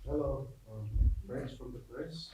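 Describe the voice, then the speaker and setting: Man, politician at a press conference; slow, emphatic, rhetorical, echoey room. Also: mid-range voice, very noisy. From Nagaland, India. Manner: emphatic, rhetorical questions, repeats himself. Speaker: opposition party politician.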